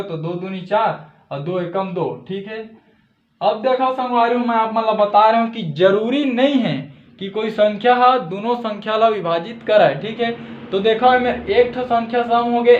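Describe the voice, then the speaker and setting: A man with a Chhattisgarhi accent, fairly high in pitch, walks through a school math problem step by step and keeps checking in with his listeners. The sound is dull and lo-fi, with an echoey room around him. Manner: patient, repeats "theek hai" often. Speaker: math teacher. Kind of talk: blackboard math lesson.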